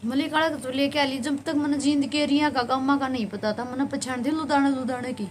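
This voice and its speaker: A woman's voice: sits high, fairly even intonation, fairly quick, a little hiss or hum. A woman with a Haryanvi accent telling a personal story in an earnest, rambling way, often repeating her phrases. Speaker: vlogger.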